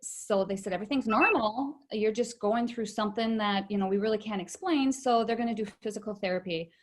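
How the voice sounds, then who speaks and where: A middle-aged woman speaks as an interview guest, recounting her own experience in a loose, chatty way. Her voice sits at an ordinary pitch. She fills her story with fillers and false starts. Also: steady tone, fairly quick, a little mellow.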